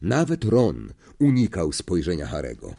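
A man narrating an audiobook in an expressive storytelling manner. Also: sits low, unhurried, gravelly.

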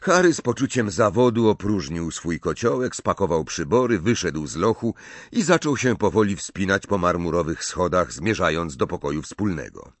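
A man narrates an audiobook in a measured, expressive way. His voice is fairly low yet lively in pitch. The sound is dry and close. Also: no room sound. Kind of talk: scripted narration.

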